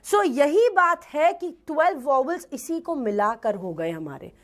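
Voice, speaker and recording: A young woman giving an English lesson, quizzing her students with quick rhetorical questions. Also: high voice, lively intonation. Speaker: English teacher for bank exams. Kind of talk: classroom lecture.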